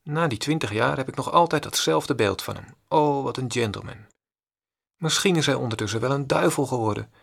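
Gravelly-voiced man reading a meditation discourse. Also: medium pitch, animated, a bit bright. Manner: slow, deliberate, repetitive. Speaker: meditation teacher. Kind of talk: read-aloud spiritual discourse.

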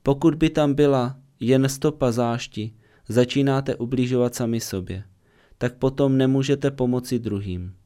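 Male voice-over reader for a meditation talk. Warm and smooth, measured and earnest. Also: mid-range voice. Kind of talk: calm dubbed reading of a spiritual discourse.

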